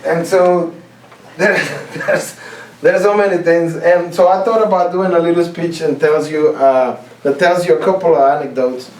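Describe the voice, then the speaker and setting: Echoing from a distance, a fairly high-pitched man from Costa Rica tells funny stories for a humorous speech contest in a club meeting room. He chuckles at his own anecdotes and restarts in halting bursts, recorded roomily on a distant mic with faint hiss.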